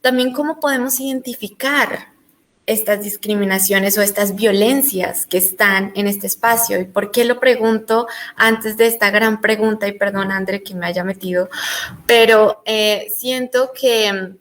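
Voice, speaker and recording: A woman's voice: mid-range voice, steady tone, a little slow, fairly bright tone. A woman from Colombia leads an online panel discussion. She talks in a hesitant, searching way, full of fillers and restarts as she thinks aloud. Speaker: panel moderator.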